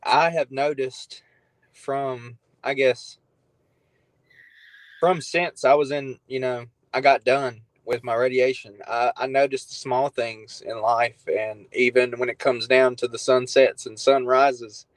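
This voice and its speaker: A man of thirty telling stories as a podcast guest in a loose, relaxed, conversational way. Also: medium pitch, slow, no echo, low-quality recording. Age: 30s. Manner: laid-back storytelling, loose and conversational. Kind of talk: casual chat.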